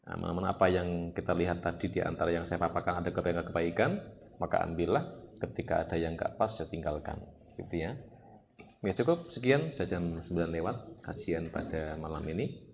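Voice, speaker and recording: A man, giving an evening Islamic study talk in a lively, storytelling way. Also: low-pitched, a little fast, gravelly, a little hiss or hum. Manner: animated, acts out scenes with sudden loud outbursts. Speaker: Islamic preacher.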